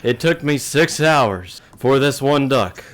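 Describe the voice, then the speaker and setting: A bumbling, self-important adventurer, played by a man at the table, announcing himself to a whole tavern. His voice rises high and loud with grand, theatrical pride. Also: expressive, slow. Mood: boastful. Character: boastful bumbling adventurer who trades wooden ducks.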